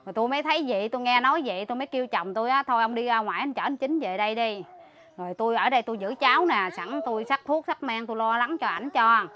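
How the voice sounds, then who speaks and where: Racing through an emotional spoken account, this interviewee, a Southern Vietnamese-accented woman caring for a sick male relative, sounds indignant and keeps restarting. Her voice is a little high, expressive, pushed and bright.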